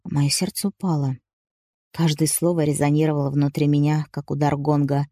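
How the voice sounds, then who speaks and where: A woman's voice: deep voice, flat delivery, moderate pace, dark tone, dry recording, clean studio sound. A woman narrating a first-person audiobook story with dramatic, emotional delivery.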